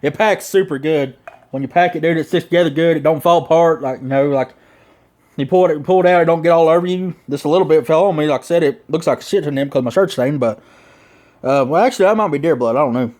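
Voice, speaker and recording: A man with a Southern US drawl chats through a casual product review in a slightly high voice. His lower lip is packed full of dip as he talks, and his delivery is rambling, folksy and full of slang. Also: quick pace, darkish tone.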